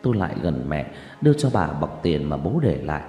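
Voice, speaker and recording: A man's voice: a bass voice, sing-song, fairly quick, dark tone. A man narrating a sad first-person story in a mournful, dramatic way, recorded with long echoing reverb over faint music.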